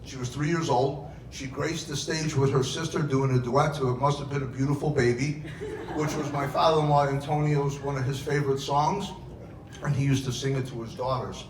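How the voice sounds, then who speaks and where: A middle-aged man with a mid-range voice delivers a heartfelt father of the bride speech at a wedding reception, speaking briskly with fairly even intonation. He tells family anecdotes and acts out quotes as he goes. The mic sits far away in a noisy, echoey event room.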